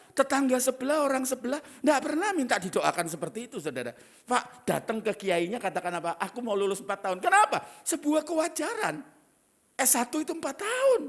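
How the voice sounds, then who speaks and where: A middle-aged man, preaching a sermon as pastor in a lively, teasing manner with asides. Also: high-pitched.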